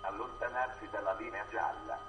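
Distant echoing station loudspeaker man. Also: on the low side, lively intonation, loud music behind the voice. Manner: formal, measured, recorded announcement cadence. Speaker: station announcer. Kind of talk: train station announcement. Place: outdoor railway platform. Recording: echoey loudspeaker heard from afar.

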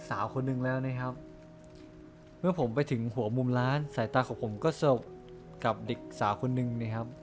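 A man's voice: medium pitch, a little mellow. Chatty man playing a game aloud. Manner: chatty, polite, reacts aloud. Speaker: gaming channel host. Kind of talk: let's-play with narration read aloud.

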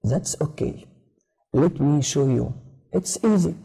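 A patient, encouraging woman teacher, voiced a little higher than usual by a man reading a textbook dialogue. The tone stays gravelly and mellow. It sounds like a classroom reading exercise. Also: drawn-out words, exaggerated voice, rough recording. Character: kind female schoolteacher.

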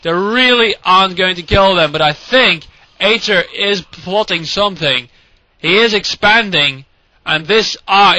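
A man casually commentating a strategy game replay, excitable and sarcastic, mocking the players and swearing. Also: high-pitched, dry recording.

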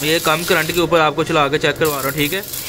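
A somewhat high-voiced man walks viewers through a product demo as a shopkeeper, talking casually and peppering his speech with little agreement fillers. He is recorded on a camera mic indoors in a tool shop, with faint noise in the background. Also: little pitch movement, fairly quick. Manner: conversational, repeats "theek hai" as a filler. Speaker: shopkeeper reviewing machines.

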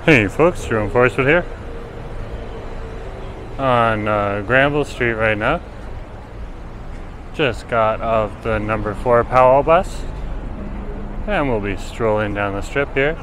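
A man's voice: medium pitch, slow pace, long pauses, a bit bright. A man giving a casual narrated walking tour as a vlogger, talking through what is around him. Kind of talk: casual narrated city walk. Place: outdoors on a busy city street. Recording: clear street and traffic noise. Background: traffic, vehicles, city ambience.

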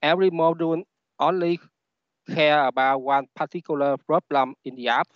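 A man with a Vietnamese accent, a native Vietnamese speaker, giving a halting technical presentation over a headset on an online call. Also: fairly high pitch, steady tone, clear, resonant tone, no room sound. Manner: halting, with repeated words. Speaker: conference speaker, software engineer. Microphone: headset on a video call. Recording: dull, lo-fi online call audio.

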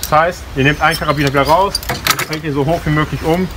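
A man in his 20s, a climbing instructor, gives an informal, explanatory safety briefing with demonstration outdoors at a forest ropes course. His slightly high voice is fast with fairly even intonation, picked up by a camera mic a few steps away amid clear outdoor noise, passing vehicles and clinking gear.

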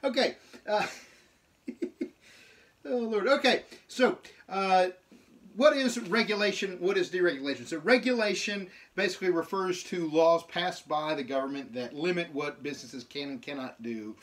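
A man's voice: fairly high pitch, lively intonation, normal speed, a bit bright. A young adult man giving a casual economics lesson from his home, folksy and joking, with lots of fillers and restarts. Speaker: teacher.

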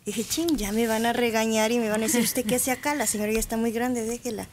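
A Mexican woman on a radio show, telling a lively story and acting out quotes. Her voice sits a little high. Faint background noise. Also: quick pace. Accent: Mexican Spanish. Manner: lively anecdote with acted quotes. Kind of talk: casual radio chat, storytelling.

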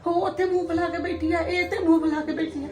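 A woman's voice: very high voice, steady tone, fast, a little mellow. A woman playing an elderly mother in a family drama, lamenting sorrowfully that her sons have neglected her. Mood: tearful. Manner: lamenting, sorrowful, breaks into tears. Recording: echoey room, mic far off, music behind.

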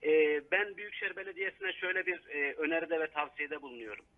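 Council member calling in by phone, high voice, thin phone-band sound, critical and halting. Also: male voice, huge pitch swings, gravelly. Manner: critical, hesitant with frequent fillers. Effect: over the phone. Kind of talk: live phone interview commentary. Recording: tinny phone line.

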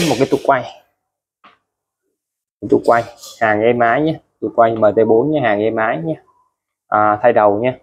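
A man's voice: mid-range voice, a little hiss or hum. A man showing used tools for sale in a casual way, chatty and repetitive, restating prices again and again. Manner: chatty, ends phrases with friendly particles. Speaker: used tool seller. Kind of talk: casual product showcase.

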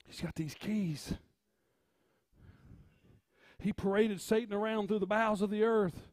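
High-voiced preacher, hushed to shouting. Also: male voice, measured pace, dry recording. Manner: swings from hushed storytelling to rising shouts, repeats words; rhythmic preaching with "uh" before phrases. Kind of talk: impromptu sermon.

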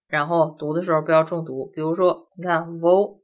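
This grammar lesson comes from a woman who teaches languages and grew up speaking Chinese; she moves through each point methodically, peppering it with rhetorical questions. Her voice sits low and her delivery is flat and quick, captured on a lo-fi recording.

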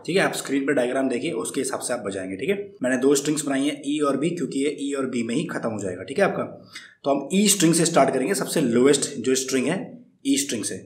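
A man's voice: mid-range voice, lively intonation, quick pace. A man giving a casual guitar lesson, friendly and patient, counting strums aloud and checking in with his viewers after nearly every step. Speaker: guitar teacher. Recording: roomy, guitar playing along.

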